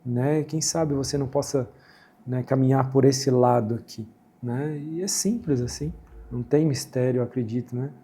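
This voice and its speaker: Husky, dark-voiced Brazilian man. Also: medium pitch, normal speed. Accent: Brazilian Portuguese. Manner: reflective, quotes scripture, many "né" and "assim" fillers. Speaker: guest, former footballer and speaker. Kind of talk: casual faith conversation.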